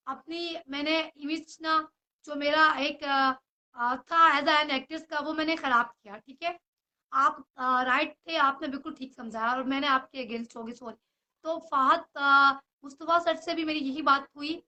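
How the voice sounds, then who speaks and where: Young woman, high voice, bright tone, rambling apology, headphones on. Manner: rambling, apologetic, mixes in English phrases. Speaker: actress. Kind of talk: emotional personal address to camera.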